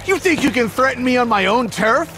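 An actor playing a menacing, hot-tempered older gang boss in a video game, theatrical and sneering. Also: male voice, very high voice, expressive, fairly quick, heavily acted. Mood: furious. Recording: loud music behind. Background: loud game music.

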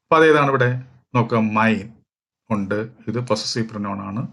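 A man from Kerala, walking through exam questions as a teacher, reading each question slowly and explaining at length with fillers. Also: fairly low pitch, fairly bright tone. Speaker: English teacher for exam prep. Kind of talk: exam question walkthrough lesson.

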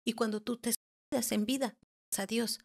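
A woman quoting the words of an archangel spirit in a low, grave, quiet voice. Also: steady tone, normal speed, creaky. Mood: solemn. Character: archangel spirit giving solemn revelations.

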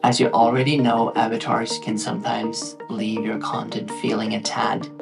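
A man with a Norwegian accent, casually walking viewers through a software tutorial in a loose, stop-start way. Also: lowish voice, monotone, normal speed, creaky, over loud music. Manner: loose, stop-start explaining while clicking through screens. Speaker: tutorial host.

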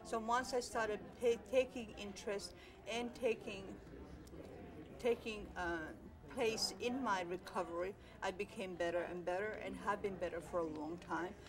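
An older woman from Croatia, a mental health advocate, speaking earnestly to camera in a studio with many pauses and fillers. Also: mid-range voice, fairly even intonation, a crowd in the background, poor audio. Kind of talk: speaking to camera in a filmed interview. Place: studio with blue backdrop.

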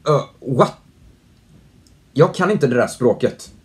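A young man doing chatty let's-play commentary at home, reading out the game's prompts, joking with it and reacting loudly to scares. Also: mid-range voice, lively intonation. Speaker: gaming youtuber. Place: at home, indoors.

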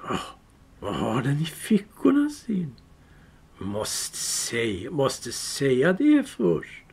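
A man reading a fantasy novel aloud in a calm, measured storytelling voice. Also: fairly high pitch. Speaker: reader. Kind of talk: audiobook reading.

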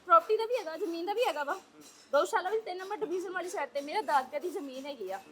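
High, fast-talking Punjabi woman, agitated. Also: animated, bright, forceful tone. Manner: agitated, insistent, rapid rhetorical questions. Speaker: interviewee. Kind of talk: heated street interview.

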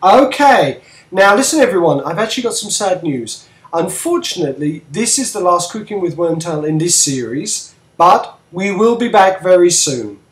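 A man's voice: high-pitched, big pitch swings, normal speed. A man playing a cheerful rat-man cook hosting a homemade cartoon cooking show, all chatty patter. His voice swoops up and down with great animation, heard in an echoey room. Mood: chirpy. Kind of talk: amateur brick-film voice acting.

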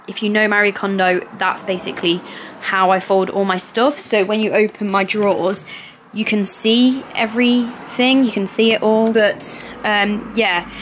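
A chatty young woman talks straight into her camera from a small bedroom, easygoing and peppered with ums and likes. Her voice sits at an ordinary middle pitch. A clear hiss of room noise runs under the close camera mic. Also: steady tone, measured pace. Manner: chatty and upbeat, lots of fillers. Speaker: lifestyle vlogger. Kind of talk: casual vlog chat to camera. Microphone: camera mic at close range.

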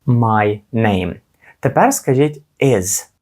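A man teaching children simple English words slowly, encouraging them and pausing so they can repeat. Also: mid-range voice, expressive, a little mellow. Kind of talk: slow, clear language lesson for kids.

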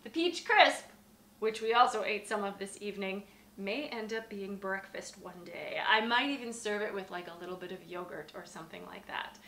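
A woman's voice: medium pitch, moderate pace, pushed and bright. A woman in her thirties, a dietitian hosting her own channel, explaining things in a friendly, upbeat way from her home kitchen as she talks with her hands. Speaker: dietitian host. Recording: echoey kitchen.

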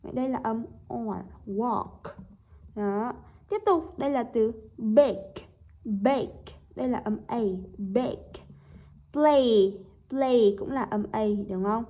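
A woman teacher talks through textbook exercises, saying each word twice and asking her students to confirm. Her voice is fairly high and husky. The recording sounds dull and lo-fi. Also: warm tone. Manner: repeats words slowly, checks with "đúng không?". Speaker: English teacher.

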